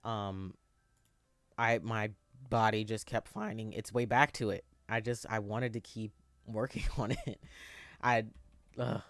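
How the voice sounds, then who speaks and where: His voice is fairly low, steady, and fairly bright, yet still youthful and boyish, recorded without echo. The man, in his 20s, chats casually on a live stream, replying to viewers in a hesitant, wandering way with many fillers and restarts.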